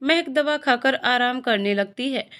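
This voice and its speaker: A woman's voice: sits high, a little slow, a bit bright. Woman narrating a family story.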